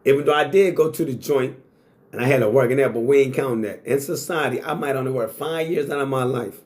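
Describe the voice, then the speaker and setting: A man's voice: medium pitch, quick pace, a little mellow. Blunt sixty-year-old man talking money. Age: 60s. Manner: blunt and boastful, swears freely, repeats himself. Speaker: vlogger. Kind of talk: casual monologue to camera.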